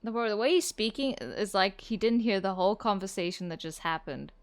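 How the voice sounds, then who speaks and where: In a mid-range voice that runs a little fast, a young woman streamer chats casually about a game she's playing. She giggles often and keeps dropping "like" into her let's-play commentary.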